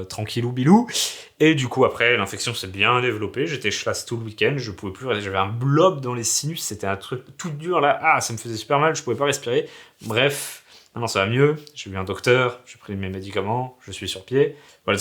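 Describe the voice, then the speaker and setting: Man, casual game-dev vlogger, sick and coughing, slangy and self-mocking, rambles on, mid-pitched voice. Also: a bit bright. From Alsace, France. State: sick with a sore throat, coughing. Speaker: hobby game developer vlogger. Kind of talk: casual vlog chat.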